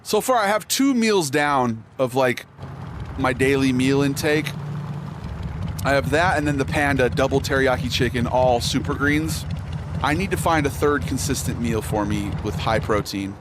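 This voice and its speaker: A man's voice: medium pitch, moderate pace. A man chatting casually and laid-back while live-streaming a game. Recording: game and car noise underneath.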